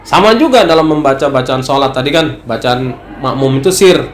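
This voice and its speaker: A man acting as an ustaz, who teaches Islamic law in a relaxed, conversational study session and sometimes acts out the questions worshippers bring him. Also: mid-range voice, brisk. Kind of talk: religious study talk. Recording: echoey room with some noise.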